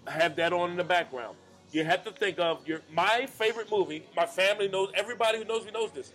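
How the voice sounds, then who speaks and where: A man's voice: high voice, fast talker, a bit bright, soft background music. A tipsy man hosting a casual chat show from a bar, boisterous, profane and insistent. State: drinking, tipsy. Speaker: podcast host.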